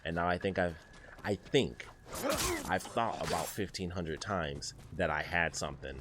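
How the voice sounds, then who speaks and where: A man's voice: low-pitched, unhurried, background noise. A man giving casual, chatty gameplay commentary as a streamer, with exasperated asides. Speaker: gaming streamer. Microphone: desk mic, streaming setup. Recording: game music underneath.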